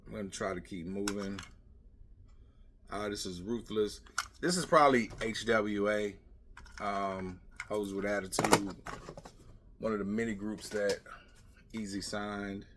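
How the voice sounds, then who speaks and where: A middle-aged vlog host chats casually and rambles, muttering asides while he sorts through his things. His voice is lowish and a bit bright, with fairly even intonation, a slightly slow pace and long pauses. The recording is clear, though clicking and clattering sound in the background.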